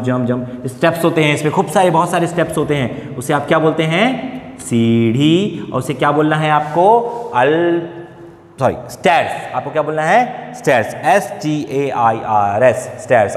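A man with an Indian accent teaching vocabulary, drawing every word out slowly and asking students to say it back. His voice sits a little high for a man. The room rings with a long, hollow reverb. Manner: slow, drawn-out teacherly repetition with quiz-style questions. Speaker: English teacher. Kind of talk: vocabulary lesson mixing Hindi and English.

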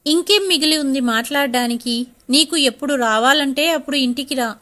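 A cold young husband who speaks bitterly and accuses, as a woman narrator voices him. The tone is bright and high, like a storybook reading. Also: moderate pace.

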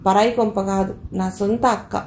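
A woman's voice: medium pitch, steady tone, brisk, darkish tone, slight background noise, natural voice. A woman voicing a kind, self-assured younger sister who reasons confidently, in a storybook reading. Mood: persuasive. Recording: echoey room, faint ambience.

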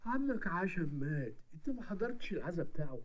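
A man's voice: high-pitched, very animated, quick pace, lo-fi sound. A greedy older Egyptian father. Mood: scheming. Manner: blunt, bargaining. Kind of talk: comedy film acting. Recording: film soundtrack with faint music.

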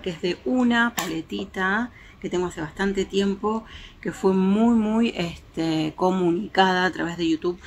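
Chatty woman reviewing makeup, gravelly voice. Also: fairly low pitch, slight background noise. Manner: chatty, hesitant fillers, shows swatches to viewers. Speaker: beauty vlogger. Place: home terrace, outdoors in daylight.

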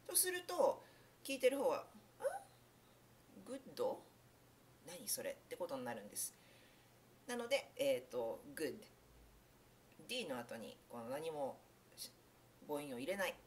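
Low-pitched woman teaching with lively intonation. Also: a little hiss or hum. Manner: friendly explaining, many fillers and self-corrections. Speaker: English pronunciation teacher. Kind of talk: casual spoken lesson.

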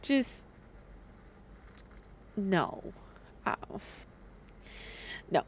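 A woman in her thirties giving casual horror game commentary to herself, muttering, exclaiming and swearing, with a creaky voice. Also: drawn-out words, slight background noise. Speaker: game streamer. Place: small indoor streaming room.

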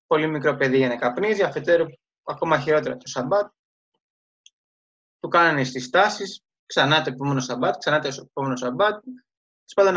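A man telling a religious story in a casual daily talk, with many fillers and restarts. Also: fairly high pitch. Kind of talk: casual spoken storytelling lesson. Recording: dull lo-fi sound.

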